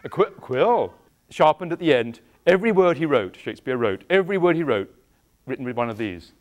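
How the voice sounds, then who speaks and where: A man's voice: on the high side, fairly quick. Middle-aged english guy doing a kids show, playful, keeps asking the kids stuff, lapel mic. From England. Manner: animated, questioning, playful with the audience. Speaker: actor performing for children. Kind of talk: interactive children's show. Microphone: clip-on microphone.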